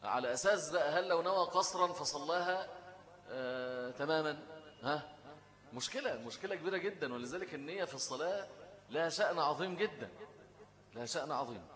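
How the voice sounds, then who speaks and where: A man's voice: fairly high pitch, animated, a little fast, fairly bright tone, long reverb tail. Egyptian teacher quizzing his class. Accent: Egyptian Arabic. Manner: asks the class questions and answers them himself. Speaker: religious teacher. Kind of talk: Islamic law lesson.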